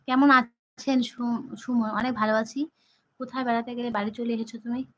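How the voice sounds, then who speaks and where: A woman hosting a live stream from her phone, answering viewer comments in a slow, chatty way while her voice is hoarse from being unwell. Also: on the high side, little pitch movement, rough recording.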